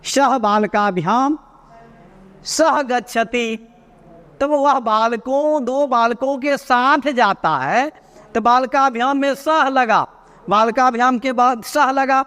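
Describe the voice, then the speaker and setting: A male teacher with a very high voice gives an exam prep lecture. He reads out Sanskrit lines, explains them in Hindi and repeats the key terms. The sound rings with the long reverb of an echoey classroom. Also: takes it slowly, a bit bright, clean tone. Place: coaching classroom.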